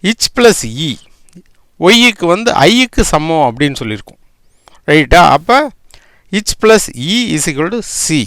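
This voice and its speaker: Man, high lively voice, gravelly, dry close sound, patient spelling lesson. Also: no room sound. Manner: spells out words letter by letter, often asks "right?". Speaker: English teacher.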